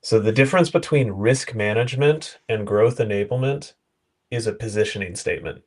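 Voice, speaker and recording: A man speaking as a guest in a casual panel chat over a video call, explaining with concrete examples and quick asides. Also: lowish voice. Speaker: guest consultant.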